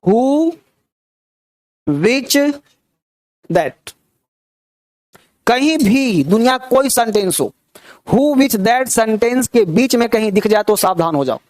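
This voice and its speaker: A man's voice: very high-pitched, lively intonation, slow pace, long pauses, darkish tone, dry recording. A young man teaching a grammar class, drilling pronunciation and checking in with his students. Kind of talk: classroom lecture.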